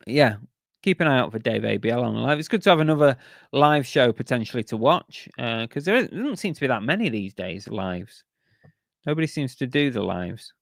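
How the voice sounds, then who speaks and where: A man hosts a relaxed live stream, rambling casually with plenty of ums and restarts. His ordinary middle-pitched voice is wearing thin and nearly gone. The recording is dry and close, with no room echo.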